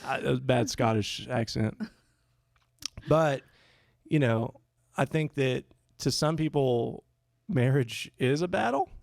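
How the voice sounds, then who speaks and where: A man who is a pastor, hosting a casual podcast chat with his wife, earnest and joking, slowing down for emphasis. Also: medium pitch, expressive, gravelly, a little mellow, no room sound, studio quality.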